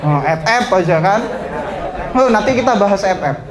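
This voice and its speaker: Teasing ustadz preaching. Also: male voice, high voice, animated, moderate pace, over a noisy crowd, heavy background noise. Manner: swings between shouting and soft asides, teasing jokes. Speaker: ustadz teaching students. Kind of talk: lively religious talk to students.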